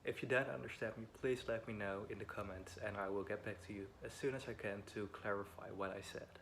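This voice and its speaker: A Dutch man in his twenties, whose first language is Dutch, tells a personal story in English with a Dutch accent as a vlogger at home beside a busy road. His lowish, fairly bright voice is steady and fast, and he sounds a bit nervous, hesitant, and apologetic, saying um often. Faint wind and passing traffic are audible.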